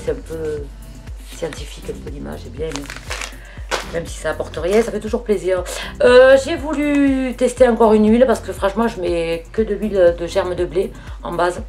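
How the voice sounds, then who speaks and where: A woman's voice: on the low side, darkish tone. A middle-aged woman, chatting casually through a beauty haul with many fillers and restarts. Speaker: beauty vlogger. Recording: faint music behind.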